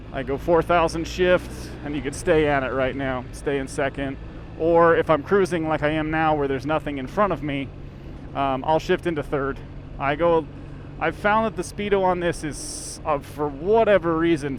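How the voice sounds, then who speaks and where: Man vlogging from inside a motorcycle helmet. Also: mid-range voice. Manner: informal, self-interrupting, mildly sweary. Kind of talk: casual rambling vlog while riding. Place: outdoors, riding a motorcycle in traffic. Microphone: microphone inside a helmet. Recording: road and engine noise, inside helmet.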